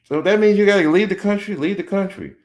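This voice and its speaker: This man talks fast in a high-pitched voice as he hosts a podcast; he's in his forties. He's animated and blunt with his opinions, and he occasionally mocks others when quoting them.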